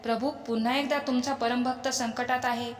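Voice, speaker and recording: A woman's voice: a little high, fairly even intonation, moderate pace, natural voice. A woman voicing a worried goddess pleading with her lord, in an echoey space with a long reverb. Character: worried goddess, the god's consort.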